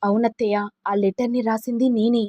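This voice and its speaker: A grieving young wife who pleads softly, voiced by a woman storyteller, her voice fairly high. The sound is dry and close-miked. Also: level tone, moderate pace, dry recording, close to an everyday voice. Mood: pleading. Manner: pleading, tearful. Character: tearful devoted young wife.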